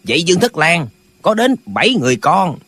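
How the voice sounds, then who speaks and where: Male actor playing quarrelsome old martial-arts brothers, husky, dry studio sound. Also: a little high, big pitch swings, a little fast, pushed and bright, dry recording, heavily acted. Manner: bickering, pedantic, squabbling. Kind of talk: audiobook character voices.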